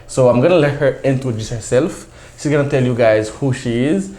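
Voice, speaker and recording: A man's voice: mid-range voice, brisk, mellow. A man hosting a TV interview show, chatty and eager, laughing and firing off follow-up questions. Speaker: TV show host. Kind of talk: casual interview. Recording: roomy with faint noise.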